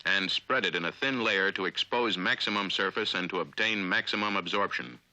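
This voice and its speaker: The narrator, an American man, imitates a 1950s training film, speaking deliberately and with authority in a lowish voice that is very bright and forceful. Audio comes from a dry period soundtrack, without echo and of poor quality.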